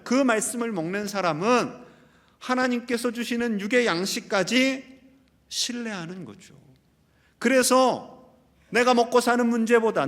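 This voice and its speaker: A man's voice: high voice, a bit bright. A male pastor preaching a sermon, asking rhetorical questions and acting out quotes. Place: church sanctuary. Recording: long church-hall reverb.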